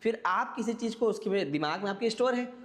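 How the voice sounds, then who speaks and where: A man's voice: sits high, animated, fast talker, fairly bright tone, big-room sound. A man teaching an exam-prep class, explaining step by step and checking in with his listeners. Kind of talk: classroom lecture.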